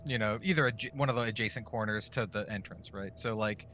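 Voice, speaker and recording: A man with a bright, sharp voice chats casually as a player in a tabletop game. He rambles and hedges with "like", and a faint hiss sits behind him. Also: fairly low pitch, brisk. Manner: rambling, hedging with "like".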